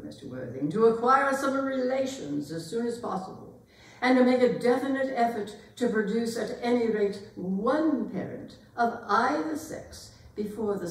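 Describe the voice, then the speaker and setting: A woman's voice: fairly high pitch, lively intonation, unhurried. A woman playing a haughty, imperious older aristocratic lady in a staged period comedy reading, pompous and emphatically disapproving. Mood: stern disapproval. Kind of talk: theatrical readers' theatre performance of a period comedy. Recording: echoey hall, distant microphone.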